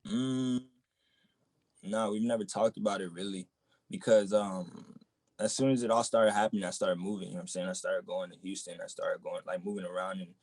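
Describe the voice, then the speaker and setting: Young guy from boston, low voice, dry studio sound, chill rambling interview talk. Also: steady tone, normal speed, darkish tone, husky, no echo. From Boston area, United States. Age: young adult. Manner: laid-back, fills with "you know what I'm saying". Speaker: rapper, interview guest. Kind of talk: casual interview chat.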